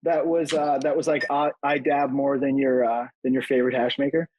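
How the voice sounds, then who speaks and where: A man's voice: mid-range voice, level tone, brisk, darkish tone, a little hiss or hum. A man hosting a podcast, teasing his guests and swearing in casual chat. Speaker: podcast host.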